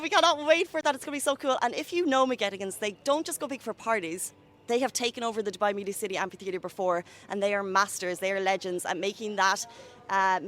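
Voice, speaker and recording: A woman presenting an event promo and vox-pop interviews in an excited, gushing way. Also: mid-range voice.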